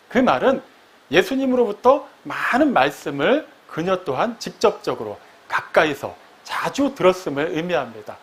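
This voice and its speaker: Lively high-voiced Korean pastor preaching. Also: male voice. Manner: explains step by step, asks rhetorical questions; acts out quoted lines with sharp rises and drops in pitch. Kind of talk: sermon.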